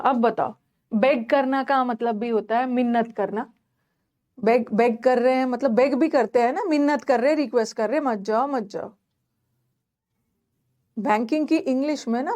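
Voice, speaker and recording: A woman's voice: fairly high pitch, darkish tone. A young woman teaching an English grammar class, chatty and talking straight to her students with many fillers and restarts. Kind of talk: online class lecture.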